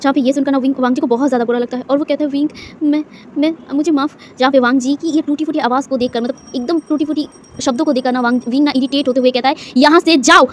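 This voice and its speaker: Quick, high-voiced woman telling a story. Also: fairly even intonation, a little mellow, a little hiss or hum. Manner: chatty, lots of fillers and asides. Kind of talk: casual story narration.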